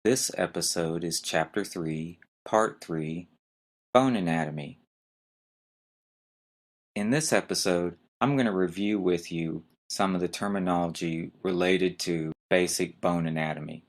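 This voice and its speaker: A man hosting a medical terminology podcast, spelling each term letter by letter and pointing out where the stress falls. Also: low-pitched. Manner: spells words letter by letter and stresses syllables carefully. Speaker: podcast host teaching medical terms. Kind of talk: slow spelled-out lesson.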